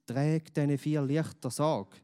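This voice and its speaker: A man voicing a kindly old shepherd who speaks calmly in a storybook reading. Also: fairly high pitch, slow, clean tone, in a large hall, voice pushed up. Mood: caring.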